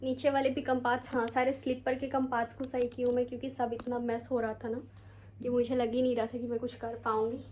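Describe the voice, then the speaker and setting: A young woman from India vlogs at home into a handheld phone camera. Her voice sits high and light, and she rambles in a casual, chatty way, tossing English words in as she goes. She sounds worn out after standing all day. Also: level tone, fast talker, noisy background. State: tired, sore feet. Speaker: vlogger. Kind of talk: casual vlog chat to camera. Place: home, bedroom.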